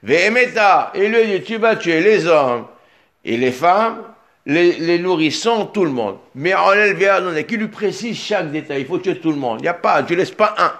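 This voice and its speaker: A man teaching an animated Torah lesson, reading Hebrew sources and explaining them with emphatic bursts. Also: high voice, moderate pace.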